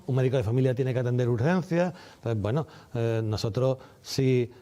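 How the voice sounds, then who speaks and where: Male interviewee, dark mellow tone, mid pitch, explanatory and emphatic through repetition. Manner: measured, didactic, emphatic repetition of key phrases. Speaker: doctor and medical representative being interviewed.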